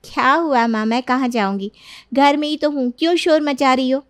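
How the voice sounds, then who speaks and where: A woman's voice: sits high, normal speed, no echo, studio quality, natural voice. A woman voicing a kind, obliging young woman in a cartoon story, talking sweetly and always ready to help.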